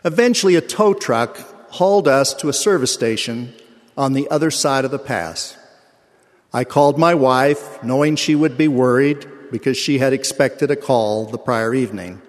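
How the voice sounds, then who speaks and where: An older man giving a sermon, telling a personal story in a measured, earnest way. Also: mid-range voice, big-room sound. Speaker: church speaker.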